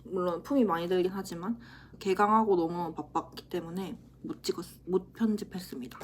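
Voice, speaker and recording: A woman in her twenties, a university student, chatting casually to the camera in a vlog, self-teasing and quick to laugh. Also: on the low side, slight background noise. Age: 20s.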